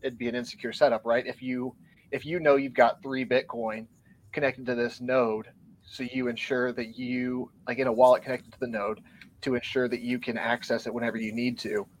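A man with a mid-range voice and flat delivery speaks at normal speed as a podcast guest, earnestly explaining his view in casual talk. He reads from show notes, seems a little out of breath, and there's a slight hiss or hum.

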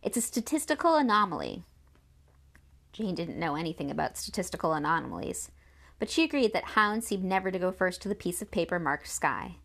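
A woman narrating a children's novel in an audiobook, with expressive storytelling. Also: lowish voice, a little fast, creaky.

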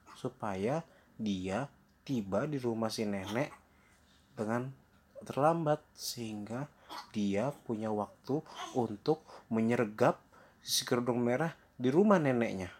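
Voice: mid-range voice, darkish tone, slight background noise. A storyteller retelling a fairy tale in a loose, casual way with fillers and asides.

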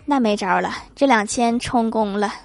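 A woman's voice: on the high side, normal speed, gravelly, slight background noise. A woman hosting a comedy podcast, reading short jokes aloud in a playful storytelling manner and chuckling at the punchlines. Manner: playful storytelling, laughing at her own punchlines. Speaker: host of a comedy joke podcast. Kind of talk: reading jokes with acted quotes.

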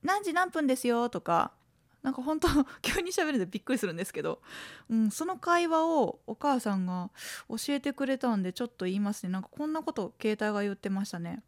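A woman's voice: fast talker, no room sound, clean studio sound. A woman around forty from Tokushima, Japan, chatting alone on her podcast in a playful way, acting out quoted lines. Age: late 30s to 40s. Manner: lively, playful, acts out quoted lines in a higher voice. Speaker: podcast host. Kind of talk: solo podcast chat.

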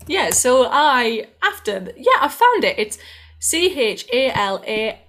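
Woman, Northern English accent, podcast guest, relaxed filler-heavy chat. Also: high-pitched, a little slow. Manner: chatty, lots of fillers. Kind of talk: casual chat.

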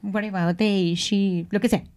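A woman co-hosting a casual podcast chat, animated and dropping in English phrases. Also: mid-range voice, unhurried. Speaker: podcast co-host.

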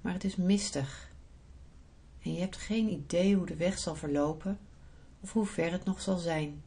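A woman podcast host guiding a relaxation visualisation in a soft, soothing, unhurried manner. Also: fairly low pitch. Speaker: podcast host, breathing therapist and yoga teacher.

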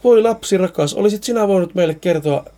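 A man's voice: high voice, dark tone, voice pushed up, close to an everyday voice. A man doing a tender consoling farm wife.

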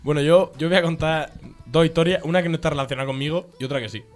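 An animated young man with a Spanish accent from Spain spins school anecdotes in a relaxed podcast chat. His voice sits a little high and keeps breaking into laughter. Soft music plays faintly behind him. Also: fast talker. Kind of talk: casual storytelling chat.

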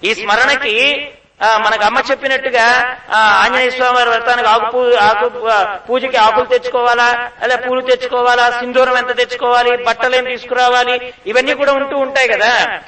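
A man giving a devotional discourse, telling stories with animated acted-out speech and repeating phrases for emphasis. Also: extremely high pitch, moderate pace. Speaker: spiritual speaker. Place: ashram hall. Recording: echoey room, voice from far off.

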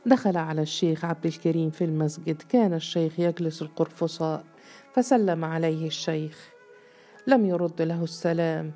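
A woman reading a historical novel aloud in steady, measured storytelling narration. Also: low voice, faint music behind. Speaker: audiobook narrator.

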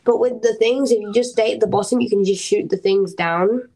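A woman at an ordinary middle pitch, co-hosting a casual gaming podcast. She rambles and breaks off with fillers and restarts mid-thought as she walks through game tactics in detail. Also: a little fast, dark tone, low-quality recording. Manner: explains game strategy in detail. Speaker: podcast co-host.

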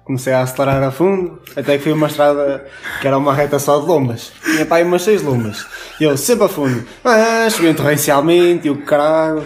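A young man with a European Portuguese accent tells a rowdy story on a casual podcast. His voice sits a little high for a man, and he laughs and swears as he talks. Faint music runs underneath. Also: brisk. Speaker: podcast co-host.

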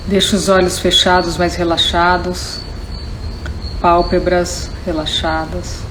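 A Brazilian woman leads a guided meditation in short, slow instructions with long pauses between them. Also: lowish voice, little pitch movement, background noise.

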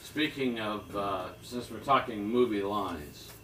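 A man of middling pitch speaking very slowly, teasing his co-hosts with leading questions. He is far off the mic in a roomy, echoing space with faint noise. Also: a bit bright. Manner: slow, teasing quiz-like questions. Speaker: podcast co-host. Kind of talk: casual chat. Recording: echoey room, distant mic.

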